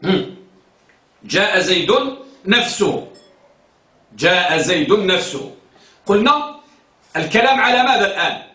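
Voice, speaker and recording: A man's voice: high-pitched, animated, unhurried, long pauses, sharp tone. A man teaching a grammar class, quizzing students and repeating their answers, recorded in a classroom. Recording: echoey room, distant mic.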